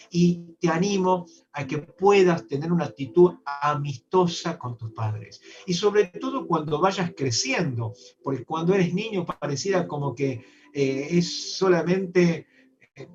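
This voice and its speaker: A man preaching a sermon as a bishop, earnest and speaking straight to his listeners. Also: a little high. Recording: distant, dull online-meeting audio.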